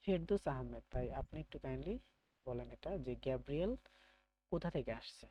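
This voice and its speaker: Brief: male language teacher, patient and encouraging, explains slowly, mid-pitched voice. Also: lively intonation, muffled recording. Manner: patient, praising, explains pronunciation step by step. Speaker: German teacher. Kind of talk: online class, calling on students.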